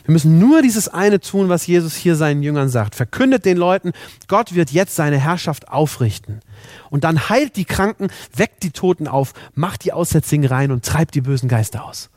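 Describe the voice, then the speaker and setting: Earnest preacher, dry sound. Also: male voice, fairly high pitch, lively intonation, normal speed, a little mellow, dry recording. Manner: earnest, rhetorical questions to the congregation. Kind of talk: sermon.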